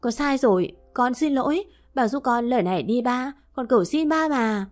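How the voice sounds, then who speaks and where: A woman's voice: fairly high pitch, expressive, normal speed, close to an everyday voice. Woman reading as a tearful spoiled daughter. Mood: sobbing plea. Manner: pleading, on the verge of tears.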